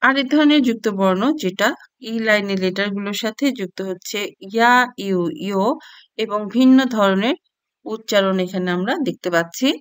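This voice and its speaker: A woman's voice: medium pitch, dry recording. A woman teaching a language lesson, reading syllables out one by one from a chart. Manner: reads sounds one by one, clear and unhurried.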